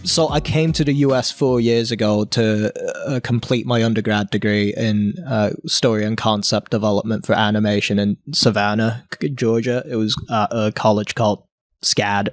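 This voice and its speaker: A young man from Hong Kong, a guest artist in a casual interview, talking haltingly with many fillers and restarts. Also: lowish voice, steady tone, dry recording, clean studio sound, faint music behind.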